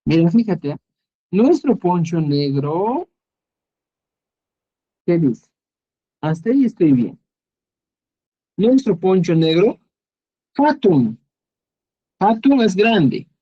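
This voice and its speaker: A man's voice: high-pitched, very animated, slow pace, long pauses, slightly rough, lo-fi sound. A man with a Peruvian Spanish accent teaching a Quechua lesson over a screen recording, patient and repeating each word, often checking in with "¿ya?". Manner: patient, repeats words and asks "¿ya?".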